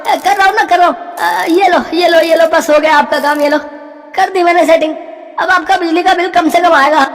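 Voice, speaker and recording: A woman voicing a cheeky young electrician in an animated story, shrill and very loud, wheedling and laughing. The voice sits off the mic with a long reverb. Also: normal speed. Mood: cocky.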